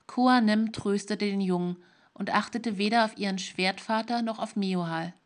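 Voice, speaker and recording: A woman narrating a fantasy story in a calm, measured way. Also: medium pitch. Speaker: audiobook narrator.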